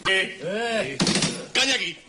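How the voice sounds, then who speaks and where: A man's voice: high voice, big pitch swings, slow, very noisy, exaggerated voice. An actor playing a brash, rowdy man in a comedy series clip. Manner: shouty, brash.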